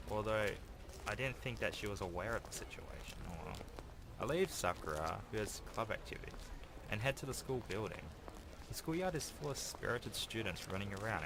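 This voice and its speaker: A man with a low-pitched voice reads a visual novel aloud as a gaming host, adding casual, rambling, dry asides. Game music plays behind his voice, along with some background noise.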